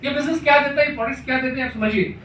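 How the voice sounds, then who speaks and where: Emphatic middle-aged male mentor, high-pitched, recorded in a roomy space with faint background noise. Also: rapid-fire, pushed and bright. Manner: emphatic, repetitive, asks rhetorical questions. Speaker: business mentor addressing a team meeting. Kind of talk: motivational talk. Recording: echoey room, mic far off, faint noise.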